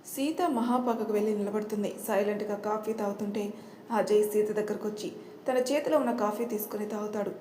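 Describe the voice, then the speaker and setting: Mellow woman narrating a story. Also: mid-range voice, fairly quick, reverberant, slight background noise. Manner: steady storytelling read.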